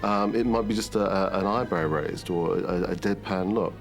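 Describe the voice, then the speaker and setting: A man with a low voice explains animation in an interview. He speaks haltingly, with music behind him. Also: steady tone, creaky.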